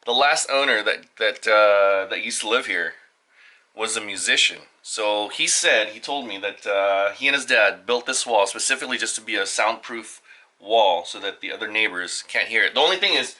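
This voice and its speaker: A father hosting a family video channel, casually showing off his home studio in a halting, rambling way with lots of fillers and restarts. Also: lowish voice, bright, forceful tone. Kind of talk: casual studio tour vlog.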